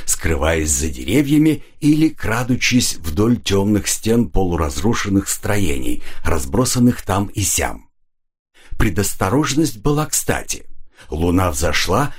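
A man reading an adventure novel aloud as an audiobook narrator, in an expressive, dramatic way. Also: fairly low pitch, breathy edge.

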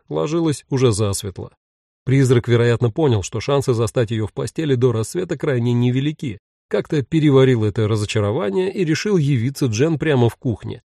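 A man's voice: mid-range voice, dark tone, no echo, clean studio sound. A man narrating a story audiobook in a wry, ironic storytelling manner.

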